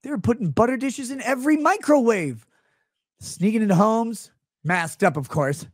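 Male streamer, 30s, high and bouncy delivery, sarcastic tangents, dry close-mic sound. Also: normal speed, no echo. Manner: sarcastic, rambling, jumps between voices. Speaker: streamer host. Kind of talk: comedic live-stream rant. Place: small home studio room, indoors. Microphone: close studio mic on stand.

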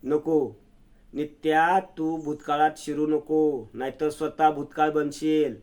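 A man's voice: on the high side, level tone, slow pace, darkish tone. A man playing a cold, ruthless woman. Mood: menacing. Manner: clipped, cold and threatening. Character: cold, ruthless older woman, secretive and menacing.

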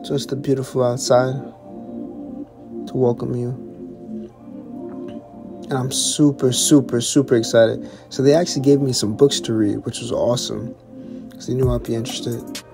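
Excited young man reviewing food. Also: medium pitch, moderate pace, gravelly, pauses often, music in the background. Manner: enthusiastic, repeats words, restarts. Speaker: chef and food vlogger. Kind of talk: casual narration of a tasting menu.

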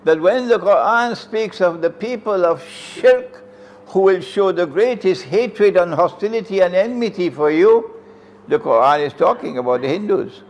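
Speaking into a close stand mic indoors among green chairs, an older Trinidadian man with a Trinidadian accent delivers an emphatic Islamic lecture. His high-pitched voice is animated yet unhurried, and he sweeps his hands while asking his audience rhetorical questions.

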